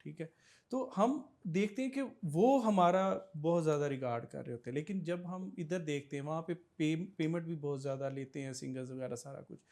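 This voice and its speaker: A male podcast host from Pakistan, asking formal, measured questions in a polished register. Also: fairly high pitch, a little mellow. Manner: formal, measured questions with Urdu literary words. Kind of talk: interview questions.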